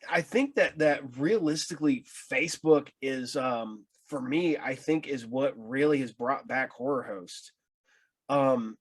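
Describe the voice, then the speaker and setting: An American man chatting casually as an interviewer, telling anecdotes in a loose, rambling way. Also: a little high. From Ohio, United States.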